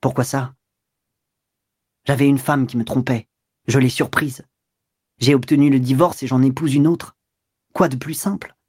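A man's voice: medium pitch, fairly even intonation, normal speed, long pauses, darkish tone, slightly rough, no echo, studio quality, natural voice. A man playing a cold, curt scoundrel. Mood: smug. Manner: clipped, cold, threatening. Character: cold, self-serving man, curt and dismissive. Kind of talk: audiobook reading.

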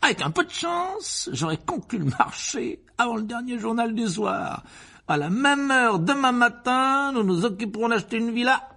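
A man voicing a pompous, blustering middle-aged uncle in an audiobook, with slow, booming emphasis. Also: sing-song, vocal fry, sharp tone, exaggerated voice. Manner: booming, self-important, slow emphatic delivery.

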